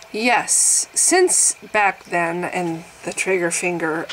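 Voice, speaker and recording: A woman's voice: slight background noise, poor audio. Fifty-something woman joking wryly about aging. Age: 50s. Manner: wry, exaggerated, laughing at herself, swings in pitch and loudness. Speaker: vlogger. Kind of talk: casual self-mocking monologue to camera.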